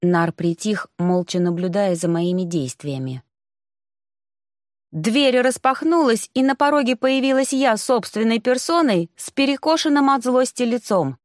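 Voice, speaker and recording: A woman's voice: a little high, lively intonation, a little slow, darkish tone, no room sound. Woman narrating an audiobook, close and dry. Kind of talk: scripted first-person narration.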